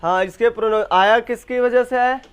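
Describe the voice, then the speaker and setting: A young man teaching an English grammar class, quizzing students and repeating sentences slowly. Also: very high-pitched, fairly even intonation, clean tone. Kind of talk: classroom lesson.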